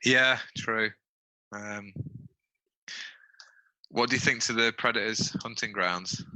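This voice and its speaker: A man's voice: fairly low pitch, slow pace, bright, forceful tone, low-quality recording. A man co-hosting a casual podcast, agreeing and chiming in briefly. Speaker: podcast co-host.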